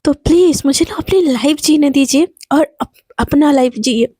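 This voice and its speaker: A woman voicing a young woman in a love story, hurt and defiant, answering back in quick indignant retorts. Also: sits high, mellow, dry recording, clean studio sound, lightly acted.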